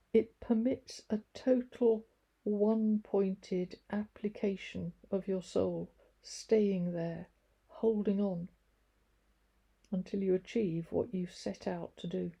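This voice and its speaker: A woman voicing Jesus as a calm, patient grown man who explains things gently and thoughtfully in a storybook reading. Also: high-pitched, takes it slowly, gravelly, husky, heavily acted. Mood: calm explaining.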